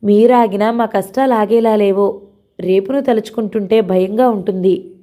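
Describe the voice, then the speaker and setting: A woman voicing a composed young village woman who speaks gently and earnestly. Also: medium pitch, fairly even intonation, normal speed, close to an everyday voice.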